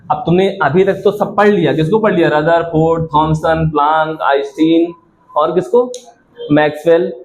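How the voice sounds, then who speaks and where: A man's voice: sits high, a little mellow. A male science teacher giving a classroom lecture, repeatedly asking students questions and answering them himself, calling them child affectionately.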